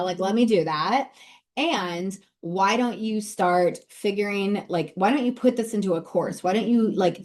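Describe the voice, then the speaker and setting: A woman in her thirties, a business coach hosting a podcast, talking energetically and emphatically in a casual motivational monologue full of rhetorical questions. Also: fairly low pitch.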